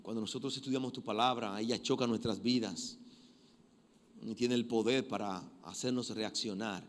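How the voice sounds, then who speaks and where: A man preaching a sermon, emphatic and given to repeating phrases, shifting from loud exhortation to quiet prayer. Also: lowish voice, fairly even intonation, moderate pace. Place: church. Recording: long reverb of a church hall.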